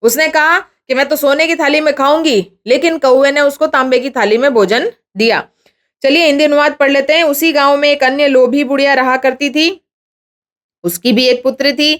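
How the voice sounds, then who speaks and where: A woman teaches a textbook lesson in a high, clear voice. She explains it line by line and keeps stopping to ask her students questions. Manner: explains line by line, often asking the class questions. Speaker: Sanskrit teacher.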